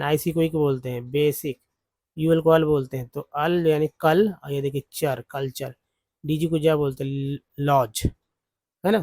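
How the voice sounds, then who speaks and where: A man teaching English phonics from slides, explaining word parts slowly. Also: fairly high pitch, darkish tone, no echo. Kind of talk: slide-based phonics lesson.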